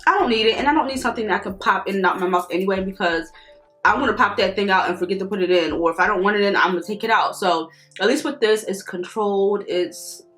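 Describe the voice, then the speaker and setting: A woman's voice: mid-range voice, fast, a bit bright, faint music behind. A woman vlogger chatting casually to her viewers, talking slightly awkwardly around new braces.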